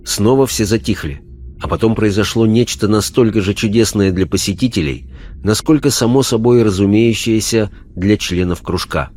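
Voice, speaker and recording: A man narrating an audiobook in an even, measured way. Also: fairly low pitch.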